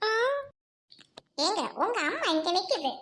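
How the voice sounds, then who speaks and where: A woman playing a brash, defiant young daughter-in-law who scolds and boasts loudly in a comic serial spoof, recorded with background noise. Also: extremely high pitch, sing-song, unhurried, exaggerated voice.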